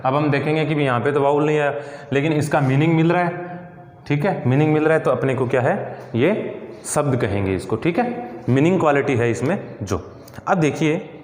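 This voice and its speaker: A male teacher explaining grammar step by step, often checking in with his class and asking rhetorical questions. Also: medium pitch. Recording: echoey room with long reverb.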